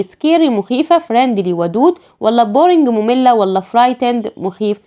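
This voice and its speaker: A woman English teacher with an Egyptian Arabic accent, reading English exam items slowly and explaining them quickly in Arabic. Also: fairly high pitch, darkish tone. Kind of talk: exam review lesson.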